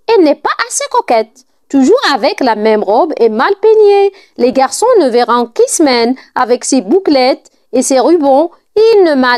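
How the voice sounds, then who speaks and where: A woman's voice: high-pitched, a little mellow. A woman reading aloud in the part of an old nurse, scolding and fretful, with indignant outbursts.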